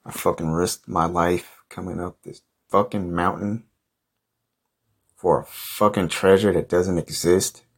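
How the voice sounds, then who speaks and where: Low-voiced male comic, improvised monologue, swears constantly and grumbles in exasperation. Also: steady tone, unhurried, breathy edge. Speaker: comedy podcast host.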